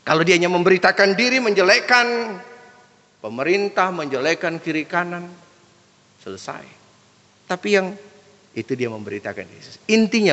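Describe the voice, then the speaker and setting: A male pastor preaches with a high, lively voice that leaps up and down in pitch as he acts out other preachers. His tone is bright and forceful. The sound carries a long reverb from the church hall. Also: muffled recording. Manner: animated, acts out quoted preachers, shifts between loud and hushed. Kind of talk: sermon.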